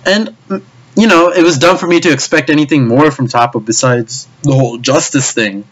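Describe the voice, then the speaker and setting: A man's voice: fairly high pitch, normal speed, breathy edge, dull audio. A man giving an anime review as a frustrated, profane rant, stammering and repeating himself as he goes. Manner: frustrated, stammering, swears often.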